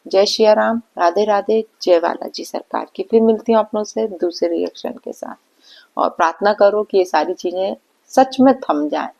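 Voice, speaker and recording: A woman's voice: mid-range voice, moderate pace, creaky, darkish tone, lo-fi sound. A woman vlogger giving a reaction commentary, scolding and indignant, firing off rhetorical questions. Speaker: vlogger reacting to online drama.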